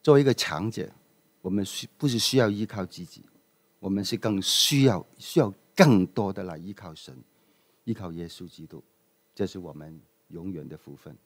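A man preaching as pastor, telling a story in a lively, emphatic way. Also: low voice, moderate pace. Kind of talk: sermon with storytelling.

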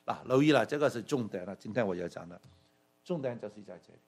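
A man's voice: lowish voice, animated, quick pace, darkish tone. A man preaching a sermon that explains a Bible passage. He asks many rhetorical questions, draws out "ah" fillers and mixes in English words.

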